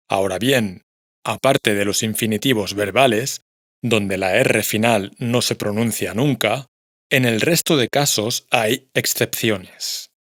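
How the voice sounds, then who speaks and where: A man teaching a scripted pronunciation lesson, measured and pausing to model each word clearly. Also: mid-range voice, fairly bright tone, no echo, clean studio sound. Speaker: language teacher.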